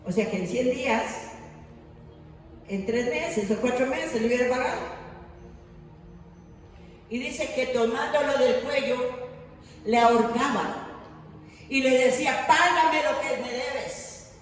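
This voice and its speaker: Woman preacher, sermon, storytelling delivery, a bit higher pitch, distant mic in a very echoey hall. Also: measured pace, long pauses, soft background music. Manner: storytelling, acting out quoted voices, rhetorical questions. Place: church hall. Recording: echoey hall, voice from afar, faint noise.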